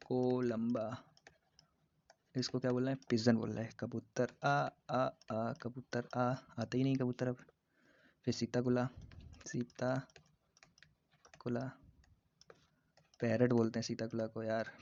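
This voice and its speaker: A man teaching biology for an exam, repeating terms slowly and joking with his students. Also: mid-range voice, level tone, dark tone. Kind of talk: casual exam-prep lesson. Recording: dull lo-fi recording.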